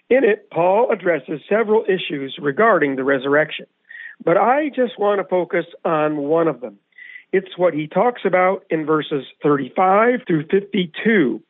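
A man's voice: high voice, dry recording. A man teaching the Bible on a radio program, explaining scripture in a methodical way and putting questions to his co-host. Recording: tinny, phone-like radio audio.

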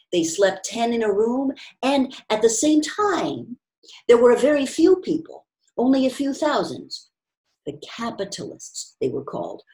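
A man's voice: high voice, a little mellow. A woman reading a tentative, earnest young man. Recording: roomy echo.

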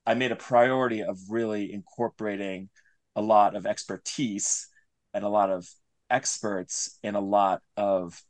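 An audio drama creator appears as an interview guest, speaking in a fairly low-pitched voice on a dry recording. He explains things earnestly and conversationally, frequently restating his phrases.

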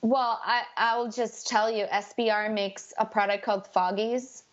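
A woman's voice: fairly high pitch, little pitch movement, a little slow, muffled recording. A woman chatting casually and playfully as a podcast co-host. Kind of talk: casual chat.

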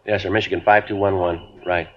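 A terse, deadpan police sergeant, as a man plays him with a very deep voice. He speaks in a clipped, flat, matter-of-fact way. The sound is dull, like a 1950s radio drama. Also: brisk, slight background noise, close to an everyday voice. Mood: calm. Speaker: detective narrator.

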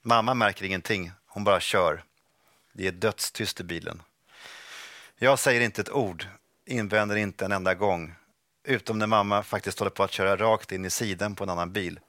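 Guy reading his own book out loud on a video call, low voice, kinda bright, dry sound. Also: dry recording. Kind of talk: reading aloud from a memoir.

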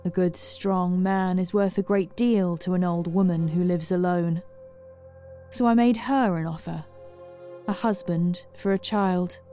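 Woman voicing an old storybook hag, crackling and smug, low and dark, faint music bed. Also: fairly even intonation, unhurried, close to an everyday voice. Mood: menacing. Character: wiry old female hag, menacing and smug.

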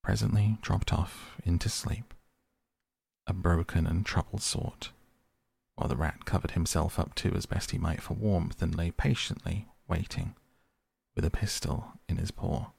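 A man reading a children's story aloud in a measured, unhurried way. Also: deep voice, fairly even intonation, vocal fry, a little mellow, slightly rough, no echo. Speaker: narrator.

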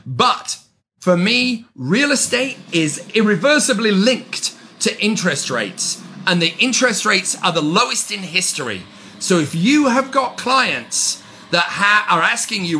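A middle-aged man hosting a podcast as a real estate agent, giving advice in an emphatic, gushing sales pitch and stretching key words for stress. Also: sharp tone, a little hiss or hum. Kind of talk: solo podcast advice monologue.

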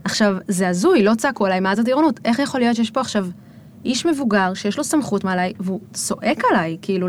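A woman talks through her thoughts on a podcast, quick and reflective, leaning on casual fillers. Her voice sits in a middle pitch. A faint hiss of noise sits under the recording. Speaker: podcast guest.

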